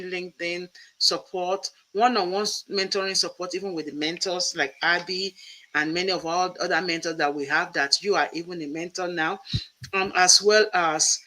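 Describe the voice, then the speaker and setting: A man's voice: sits high, sharp tone, low-quality recording. A man hosting an interview, explaining points one by one in an emphatic way. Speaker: host and professor. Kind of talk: interview conversation.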